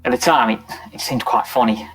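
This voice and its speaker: A middle-aged man, a police officer recounting a night shift in a documentary interview, in a steady, matter-of-fact way. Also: medium pitch, a little fast, noisy background.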